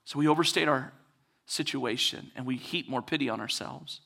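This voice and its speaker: A man's voice: mid-range voice, normal speed, creaky, sharp tone. A man preaching a conversational sermon as a pastor, acting out quoted voices with touches of humor.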